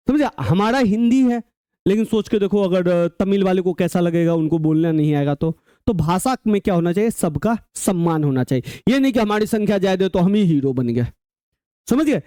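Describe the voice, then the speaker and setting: A man's voice: high-pitched, dark tone, dry recording, clean studio sound. A man teaching a class lesson, often asking students whether they have understood. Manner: keeps checking students follow with rising questions. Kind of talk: classroom lecture.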